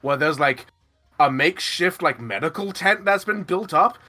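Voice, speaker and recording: A man's voice: fairly high pitch, expressive, moderate pace, bright, forceful tone, soft background music. A man narrating a tabletop role-playing game as game master, rambling energetically with many fillers.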